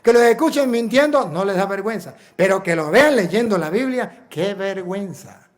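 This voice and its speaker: A Venezuelan priest preaching a sermon in an emphatic, repetitive way, full of rhetorical questions. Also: male voice, sits high, animated, moderate pace. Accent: Venezuelan Spanish.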